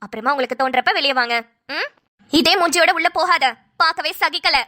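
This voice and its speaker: A no-nonsense cartoon mother gives orders with fond firmness, as a woman puts her on. Her voice is high and bright, and she talks briskly. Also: no echo, clean studio sound. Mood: commanding. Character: bossy, caring middle-aged mother-in-law. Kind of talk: cartoon voice acting.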